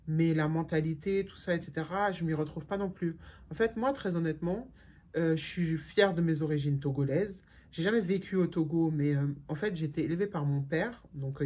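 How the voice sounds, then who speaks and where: A middle-aged German woman with a low, slightly mellow voice chats casually and frankly as a vlogger answering viewer questions. Her talk is full of fillers and restarts.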